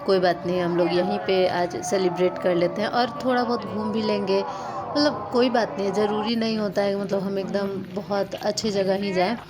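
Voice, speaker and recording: A woman's voice: medium pitch, fairly even intonation, moderate pace, a crowd in the background. A young adult woman narrating a casual vlog in a chatty, rambling way with lots of fillers. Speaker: vlogger.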